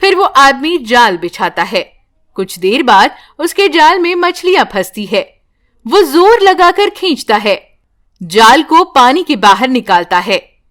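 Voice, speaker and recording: A woman narrating a children's storybook cartoon in a calm, scripted way. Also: high voice, slow pace.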